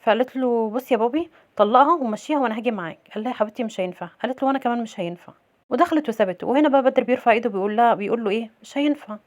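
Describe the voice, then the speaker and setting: A woman with an Egyptian accent casually recapping a drama episode, retelling each scene and quoting the dialogue in an even voice. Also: fairly high pitch, very fast. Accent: Egyptian Arabic. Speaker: series recap narrator.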